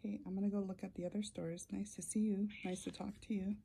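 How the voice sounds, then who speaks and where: A woman in her sixties exploring a snowy abandoned town, talking politely out loud to spirits as a paranormal investigator. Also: medium pitch, level tone, fast, gravelly, slight background noise. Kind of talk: casual ghost-hunting vlog narration. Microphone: handheld phone camera.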